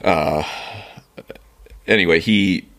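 Absent-minded man, deep creaky voice. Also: slow pace, a bit bright. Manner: absent-minded, scattered, loses his train of thought. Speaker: podcast host interviewing a guest. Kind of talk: casual conversational interview.

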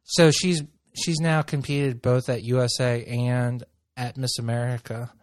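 Male host, casual chat, mid-pitched and gushing, rambling delivery, dry close sound. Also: level tone, measured pace, no echo.

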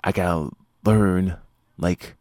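A man's voice: low voice, fairly even intonation, slow, a little mellow, no room sound. A man hosting his own podcast as a martial arts instructor, talking casually and rambling with lots of fillers and restarts. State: sleepy, yawning. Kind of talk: casual solo podcast talk.

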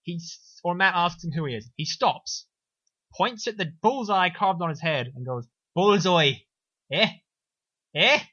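A young man casually recapping a film on a podcast, sarcastic and animated, slipping into silly voices. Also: sits high, normal speed, dry recording. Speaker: podcast co-host. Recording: dull lo-fi dry recording.

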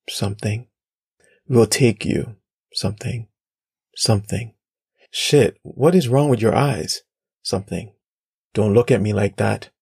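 Audiobook brief: a man voicing a threatening male scavenger, low, gravelly, softly coaxing. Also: exaggerated voice. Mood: soothing. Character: menacing armed male scavenger, sly and threatening.

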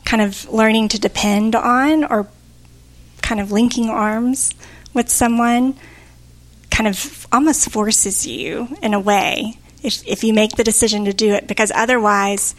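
A woman's voice: on the high side, fairly even intonation, a little slow. A woman co-hosting a podcast, talking in a thoughtful, searching way with frequent fillers. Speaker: podcast co-host. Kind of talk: reflective conversational chat.

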